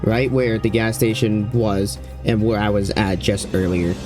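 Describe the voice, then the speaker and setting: A man giving a measured, explanatory voice-over as a storm chaser looking back on his footage. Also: fairly low pitch, fairly even intonation, darkish tone, soft background music. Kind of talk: retrospective voice-over narration.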